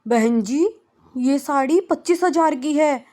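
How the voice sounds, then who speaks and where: A woman's voice: high voice, measured pace, warm tone, voice pushed up. A woman voicing a polite, persuasive male sari shopkeeper.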